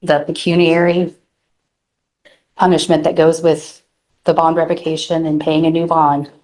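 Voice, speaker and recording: A woman's voice: low voice, flat delivery, normal speed, a little mellow, rough recording. A woman defense attorney arguing methodically before a judge, heard in a courtroom recording. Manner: formal, methodical, presses point by point. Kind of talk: courtroom legal argument.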